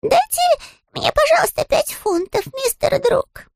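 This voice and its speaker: A woman's voice: extremely high pitch, lively intonation, measured pace, gravelly, no echo, studio quality, pitched above the performer's own voice, heavily acted. A woman voicing a small, polite, earnest male bear cub in a read-aloud storybook.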